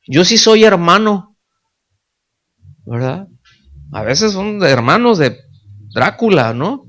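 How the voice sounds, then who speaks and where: A male pastor delivers a sermon in a chatty, conversational way. He keeps checking in with his listeners. His voice sits a little higher than most men's. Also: very animated, slow pace, fairly bright tone. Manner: conversational preaching, constant checks with the audience.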